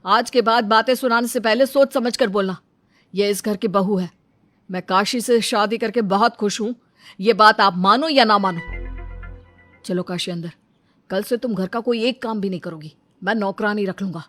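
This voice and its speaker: A firm young husband , voiced by a woman in a cartoon story. The voice sits lower than her own and stays bright, plain-spoken and steady. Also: moderate pace, soft background music, natural voice.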